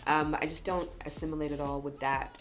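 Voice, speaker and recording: Lower-voiced woman chatting casually. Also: fairly even intonation, a little fast. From Guyana. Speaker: host. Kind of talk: casual chat.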